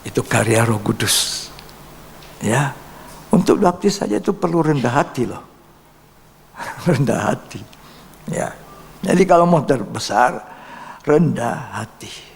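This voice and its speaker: Gravelly pastor preaching in a church hall. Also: male voice, mid-range voice, expressive, takes it slowly, long pauses, slight background noise. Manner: storytelling testimony with sudden loud rises and soft drops. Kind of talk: sermon.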